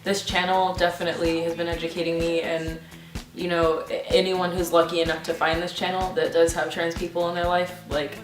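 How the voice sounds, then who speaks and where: A woman in her twenties answering interview questions casually, thoughtful and halting, with frequent ums. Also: lowish voice, level tone, far from the mic. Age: 20s. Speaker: interview guest. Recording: roomy, off-mic, with music behind.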